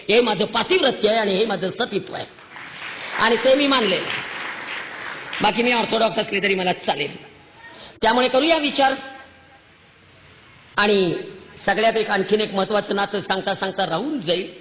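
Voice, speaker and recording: A woman giving an impassioned public lecture to women, scolding and exhorting them and rising to near shouts. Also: mid-range voice, a little hiss or hum. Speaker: public speaker addressing women. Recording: echoey hall, muffled sound.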